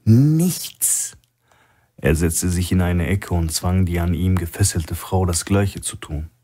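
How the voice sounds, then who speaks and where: A man narrating a crime audiobook in a measured, even reading style. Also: low voice, a little hiss or hum. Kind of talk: scripted narration.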